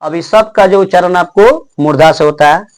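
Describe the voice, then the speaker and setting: A young man teaching a class in a slightly high voice. He poses a question and then answers it himself, and he drags out each letter as he sounds it. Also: moderate pace. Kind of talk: classroom lesson.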